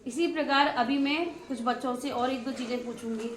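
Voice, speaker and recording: High-voiced woman teaching a class. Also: fairly even intonation, brisk. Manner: patient, prompting students with questions and praise. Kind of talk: classroom lesson on Hindi vowel signs. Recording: echoey room with faint noise.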